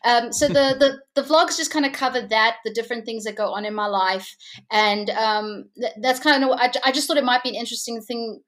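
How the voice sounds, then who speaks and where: A woman's voice: on the high side, a little fast, fairly bright tone. A woman who grew up in Hong Kong, chatting upbeat as a musician guest over a video call, with frequent restarts. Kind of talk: casual interview chat.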